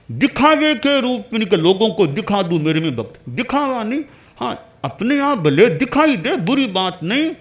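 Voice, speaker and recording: Slow, animated preacher man. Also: high voice. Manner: acts out dialogue of guru and disciple in shifting voices. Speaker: spiritual teacher. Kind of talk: sermon with storytelling.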